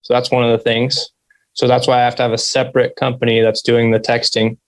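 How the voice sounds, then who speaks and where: Male interview guest, soft flat voice, mid-pitched, very little inflection, understated. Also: brisk. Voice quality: soft, quiet, monotone voice. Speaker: interview guest, solar business owner. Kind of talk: interview conversation.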